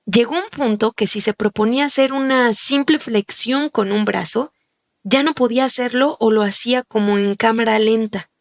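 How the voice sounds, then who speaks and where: A woman hosting a podcast, reading a scripted documentary narration in a measured, explanatory way. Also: on the high side, gravelly, dry recording, studio quality. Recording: faint music behind the voice.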